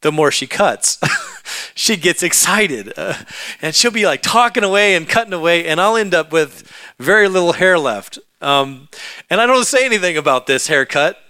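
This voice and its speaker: A man's voice: sits high, lively intonation, normal speed, sharp tone, clean tone, no echo. A man preaching a sermon, telling a personal story in a conversational way that builds into emphatic preaching.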